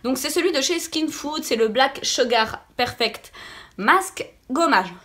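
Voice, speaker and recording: Lisping high-voiced woman, slightly under the weather. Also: lively intonation, measured pace, a bit bright. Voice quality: lisp with slushy s sounds. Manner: emphatic, repeats words for stress. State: slightly sick voice. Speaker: beauty vlogger. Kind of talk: casual product review chat to viewers.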